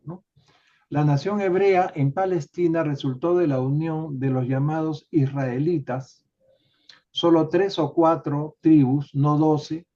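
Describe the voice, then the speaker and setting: Slow-talking man leading a study group. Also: on the high side. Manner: unhurried, adds filler tags and restarts. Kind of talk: explaining a text to a study group. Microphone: online video call. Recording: dull lo-fi call audio.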